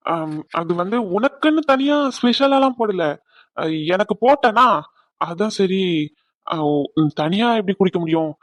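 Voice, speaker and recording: A man's voice: high-pitched, fairly bright tone, dry recording. A man playing Ragu, a sheepish cartoon husband. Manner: teasing, fumbling with fillers. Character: young husband, teasing and sheepish.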